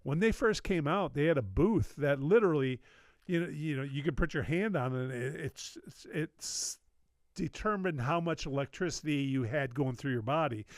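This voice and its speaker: A man's voice: a little high, animated, normal speed, no room sound, studio quality. A man hosting a podcast, chatting casually and rambling with many fillers. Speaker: podcast host. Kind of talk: casual interview chat.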